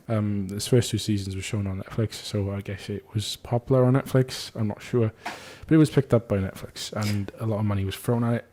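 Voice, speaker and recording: A man with a low, mellow voice hosts a podcast chat. He rambles through his points with plenty of ums and restarts. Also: a little hiss or hum. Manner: rambling, swears casually. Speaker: podcast host. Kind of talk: casual chat.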